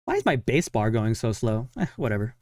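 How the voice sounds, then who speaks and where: A man's voice: medium pitch, big pitch swings, darkish tone, no echo, studio quality. A young man chatting casually on a live stream while following a game, talking to himself and his viewers. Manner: chatty, self-talking, sighs of frustration and quick laughs.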